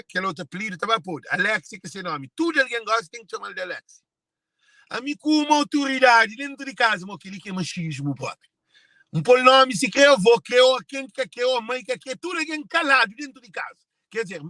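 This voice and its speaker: Cape verdean guy talking straight to viewers, pretty high voice, keeps repeating himself, dry close sound. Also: fairly bright tone, dry recording. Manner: repetitive, circling back to phrases. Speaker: speaker sharing personal family story. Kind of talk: emotional monologue to viewers.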